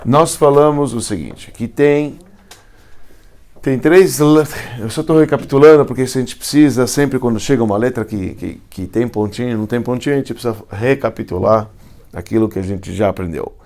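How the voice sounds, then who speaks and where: A man's voice: mid-range voice, normal speed, darkish tone. A man, a rabbi teaching Hebrew letters in a class, explaining step by step and often asking if students follow. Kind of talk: classroom lecture.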